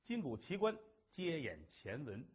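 A man telling a traditional Chinese story in a dramatic, animated way. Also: on the high side, measured pace, dull audio, very noisy.

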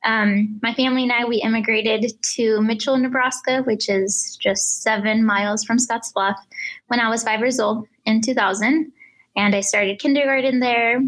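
A woman's voice: fairly high pitch, fairly even intonation, normal speed, fairly bright tone, low-quality recording. Young woman guest from Mexico. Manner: explains carefully, many "um"s, agreeable backchannels. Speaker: interview guest. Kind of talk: conversational interview.

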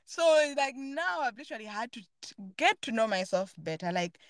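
A woman's voice: fairly high pitch, sing-song, fairly quick, fairly bright tone, dry recording. A woman hosting a podcast, talking earnestly and thoughtfully in a casual, reflective chat while searching for her words. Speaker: podcast host.

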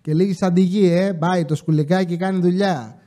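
A man with a high-pitched voice hosts a casual podcast. He tells a comic everyday story in a chatty, joking monologue and keeps throwing in asides to his listeners. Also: fairly even intonation, mellow. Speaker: podcast host.

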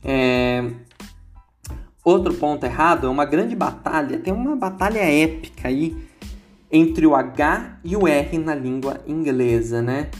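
This Brazilian-accented man teaches English casually in a fairly high, expressive voice, speaking a little slowly over soft background music. He's chatty, says words over and over to demonstrate pronunciation, and asks "entendeu?".

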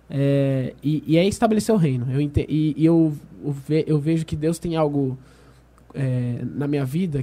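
A man tells a personal faith story in a relaxed conversation. His voice sits a bit high but sounds soft and mellow. He speaks earnestly, slips into the voices of the people in his story and restarts his sentences often. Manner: earnest storyteller, reenacts dialogue, frequent restarts. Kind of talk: casual faith testimony in conversation.

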